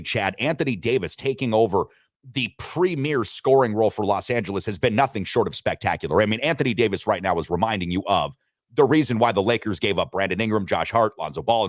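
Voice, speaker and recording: A man hosting a sports talk show, talking betting lines with animated delivery and frequent restarts. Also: on the low side, no echo, clean studio sound. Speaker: sports radio host.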